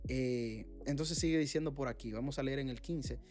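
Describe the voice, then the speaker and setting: A man leading an informal Bible study, reading passages aloud and explaining them with frequent fillers and pauses. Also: medium pitch, a little mellow, faint music behind. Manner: reads scripture aloud, then explains it with many fillers.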